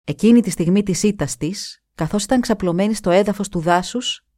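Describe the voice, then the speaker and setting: A woman narrating a scripted story in a measured, expressive reading voice. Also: medium pitch, no room sound, studio quality.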